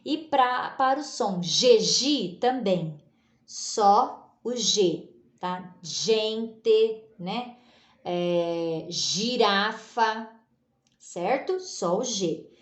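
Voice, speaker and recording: A woman teacher giving a slow, patient spelling lesson, sounding out letters and often checking in with her listeners. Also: mid-range voice, expressive. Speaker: literacy teacher. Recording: echoey room.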